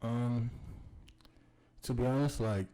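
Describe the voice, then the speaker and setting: A man's voice: medium pitch, slow pace, mellow, clean tone, poor audio. A young man, a rapper guest on a podcast, speaking in a laid-back, earnest way with "like" as filler. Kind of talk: casual interview chat.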